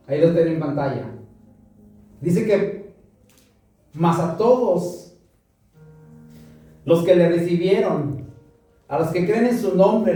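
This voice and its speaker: A Mexican pastor with a high, warm voice preaches a sermon, asking his congregation questions and repeating them back. He's recorded from a distance, with a roomy echo and music behind him.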